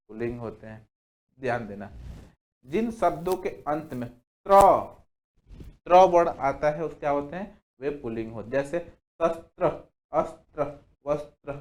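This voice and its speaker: A young man teaching a Hindi grammar lesson, asking questions and answering them himself, saying "okay" again and again, and listing examples slowly word by word. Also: mid-range voice, a little mellow. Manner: asks the class questions and answers them himself, repeats "ठीक है" often. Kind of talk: exam-prep grammar lesson.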